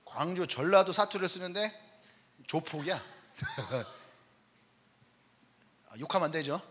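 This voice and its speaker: A man's voice: on the high side, unhurried, in a large hall, a little hiss or hum. A male pastor preaching a Wednesday sermon, telling army stories and acting out the voices in them. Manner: animated storytelling, acts out quoted voices, laughs often. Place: church sanctuary.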